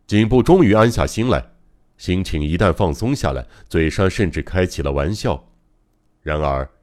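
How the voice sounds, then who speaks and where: A man's voice: low voice, darkish tone. A man narrating a mystery novel as an audiobook, in a dramatic, suspenseful reading. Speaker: audiobook reader.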